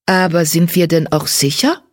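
A reader voicing a caring, cautious mother she-cat who speaks gently. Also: medium pitch, normal speed, no room sound, clean studio sound, natural voice. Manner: gentle and worried.

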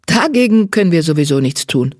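A reader voicing a blunt, irritable dark red she-cat with a sharp, snappish way of talking. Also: medium pitch, sing-song, brisk, no room sound, clean studio sound. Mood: irritated.

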